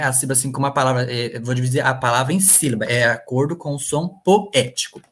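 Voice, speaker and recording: A male literature professor giving a live online lecture over a computer mic, hesitant and full of fillers and restarts. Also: fairly high pitch.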